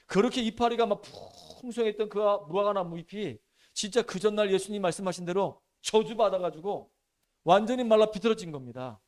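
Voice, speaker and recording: A pastor preaches a sermon in church, telling the story in an animated and emphatic way. When he reaches solemn points, he lowers his voice.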